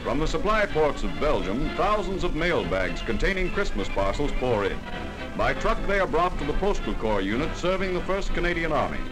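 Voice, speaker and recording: A man narrates an old wartime newsreel in a jaunty, punchy manner, tossing in wisecracks. His pitch sits a little high and swings widely. Music plays clearly behind him. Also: big pitch swings, moderate pace, poor audio. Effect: old newsreel voice-over.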